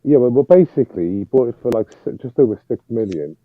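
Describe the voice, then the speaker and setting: A man's voice: mid-range voice, lively intonation, fast, no echo. A man talking in a casual podcast chat, his voice muffled as if heard through a wall. The sound is narrow and phone-like, and it seems to come from some distance off the mic. He chimes in and repeats his points. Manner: interjecting, repeating himself. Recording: muffled, phone-like remote audio.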